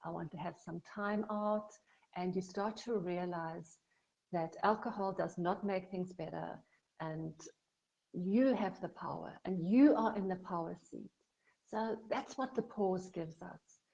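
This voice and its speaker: A woman speaking as a sobriety coach, talking gently and acting out her clients' inner thoughts in a softer voice. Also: lowish voice, a little slow, gravelly, lo-fi sound. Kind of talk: coaching talk.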